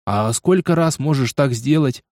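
A man's voice: medium pitch, expressive, moderate pace, a little mellow, no room sound, studio quality, lightly acted. A man playing an impatient, exasperated young game player in a storybook reading. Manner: blunt, exasperated questioning.

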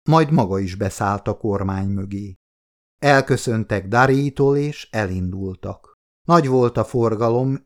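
A man reading a novel aloud as an audiobook narrator, steady and measured. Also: mid-range voice. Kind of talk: scripted narration.

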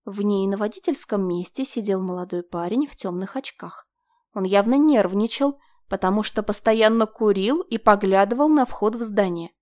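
Woman, audiobook narration, mid-pitched, even, measured. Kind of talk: first-person audiobook reading.

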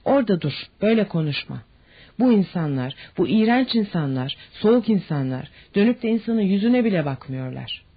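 In a dull, lo-fi audiobook recording, a reader with a medium-pitched, husky, expressive voice speaks at a moderate pace, voicing a fictional character: a nervous, homesick young male army lieutenant. He sounds anxious, strained and emotional, rising to angry shouts.

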